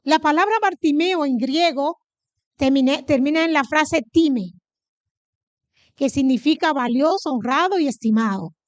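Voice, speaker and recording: A woman from the Dominican Republic preaches to her church in a Dominican accent, with a high voice. She keeps putting questions to the congregation and answering them herself. The sound is dry and close, with little room echo. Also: animated, a little slow, lo-fi sound. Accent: Dominican Spanish. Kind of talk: sermon.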